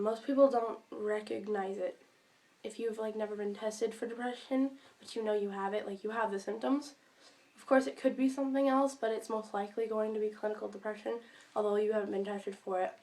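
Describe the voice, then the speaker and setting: A teenage girl talking to camera in a personal vlog, hesitant with many pauses and restarts, sick and speaking around a cough drop. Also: on the high side, darkish tone. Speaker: vlogger.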